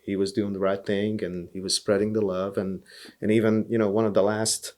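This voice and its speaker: A blues musician from Hungary speaks as a podcast guest, recounting his story in a relaxed interview with a Hungarian accent. His lowish, slightly mellow voice is brisk and flat in delivery. Earnest throughout, he tends to repeat words as he thinks.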